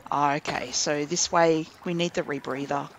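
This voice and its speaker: A gaming commentator with a fairly high male voice talks at a moderate pace, a faint hiss or hum behind him. He's doing casual let's play commentary on a survival game, relaxed and chatty, thinking aloud as he plays.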